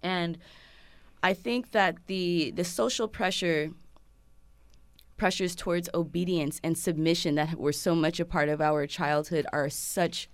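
A woman's voice: fairly low pitch, fairly even intonation, unhurried, no echo. A woman teacher talking earnestly and reflectively in a casual conversation. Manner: earnest, reflective, speaks in lists of values. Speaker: teacher guest.

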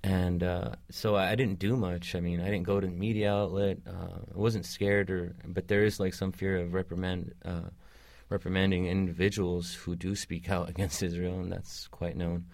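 A young man, a podcast guest, talking haltingly in a casual discussion with many restarts and fillers. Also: deep voice, level tone, gravelly, darkish tone, no room sound. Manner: hesitant, restarting, lots of "like".

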